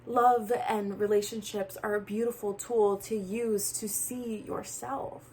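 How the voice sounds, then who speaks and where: A young woman with a husky, breathy voice at an ordinary middle pitch chats straight to camera as if to a close friend. She talks earnestly and with animation, often slipping into soft, breathy asides. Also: steady tone, measured pace. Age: young adult. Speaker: vlogger giving breakup advice. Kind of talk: casual heart-to-heart chat to camera.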